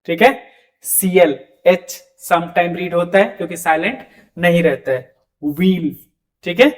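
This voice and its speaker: A man teaching French pronunciation in an online lesson, repeating each word slowly and checking in often. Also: sits high, echoey room. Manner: repeats words slowly, frequent "ठीक है".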